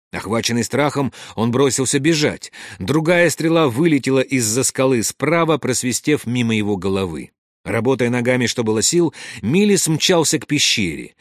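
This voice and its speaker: A man narrating an audiobook in a dramatic manner, sinking his voice low and quiet at grim moments. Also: no room sound, studio quality.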